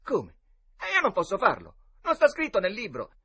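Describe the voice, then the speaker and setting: A man's voice: sits high, huge pitch swings, normal speed, slightly rough, pitched above the performer's own voice, heavily acted. A man voicing a boisterous boy who plays a dramatic outlaw hero in the woods. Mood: arguing. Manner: shouty, dramatic, theatrical.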